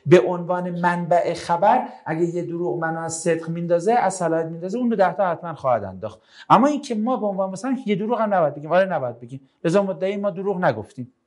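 A man's voice: sits high, lively intonation. A man giving a religious lecture to an audience. He talks animatedly, fires off rhetorical questions and answers listeners' questions.

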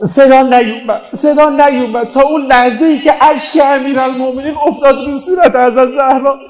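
High-voiced weeping mourning preacher. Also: male voice, fairly even intonation, rough recording. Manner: weeping, chanting Arabic passages slowly. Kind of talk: mourning sermon.

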